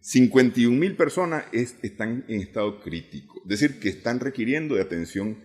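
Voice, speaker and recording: A man with a Nicaraguan accent, an analyst on a talk show, speaking in a measured way and often repeating words as he works through figures. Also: medium pitch, expressive, darkish tone. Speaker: political analyst guest.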